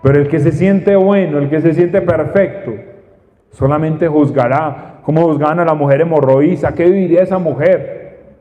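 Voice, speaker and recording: A man preaching a sermon, slow and emphatic, repeating his phrases. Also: a little high. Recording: dull sound, long reverb in a hall.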